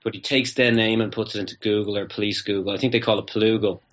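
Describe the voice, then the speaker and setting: A man's voice: fairly low pitch, fast. Man telling a story, muffled. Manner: animated, acts out both sides of dialogues. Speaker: guest. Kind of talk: casual anecdotal storytelling. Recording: muffled lo-fi audio.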